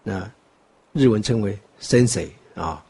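A man's voice: lowish voice, a little slow, darkish tone, breathy edge. An older man from Taiwan with a Taiwanese Mandarin accent, giving a rambling Buddhist teaching talk full of fillers and wry asides. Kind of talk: dharma talk lecture.

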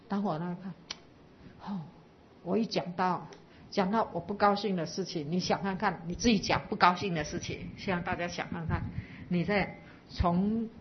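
A woman's voice: on the low side, highs cut off, a little hiss or hum. A woman Buddhist teacher giving a dharma talk to a live audience, explaining patiently and asking listeners to reflect.

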